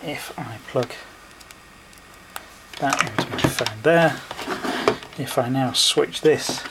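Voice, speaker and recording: Working through a hands-on product demonstration, a male reviewer speaks in short, unhurried phrases, step by step, in a medium-pitched voice. The audio is an obviously noisy home recording with clicks.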